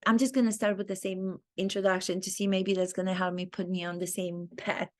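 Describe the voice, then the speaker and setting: A Romanian-accented woman, an acting teacher, thinks aloud to camera in her own talking-head commentary video. She sounds earnest and reflective, with a mid-range voice, level tone and brisk delivery.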